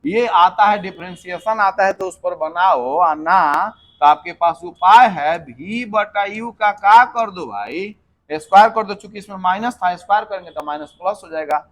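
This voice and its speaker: A man's voice: sits high, moderate pace. A man teaching a physics lesson for exam preparation, mixing in English terms and answering his own questions. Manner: lively, mixes English terms, asks and answers himself.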